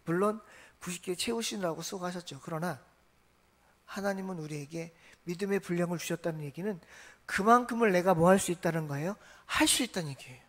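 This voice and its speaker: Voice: mid-range voice, brisk. Pastor preaching with rhetorical questions. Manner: repetitive, rhetorical questions to the congregation. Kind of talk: Sunday morning sermon. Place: church sanctuary.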